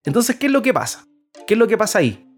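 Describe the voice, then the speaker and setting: An earnest man co-hosting a faith-based parenting podcast, his voice sitting a little high for a man. He rambles, repeats words and restarts his sentences as he explains his point. Faint music plays under the talk. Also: big pitch swings, quick pace. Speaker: podcast co-host.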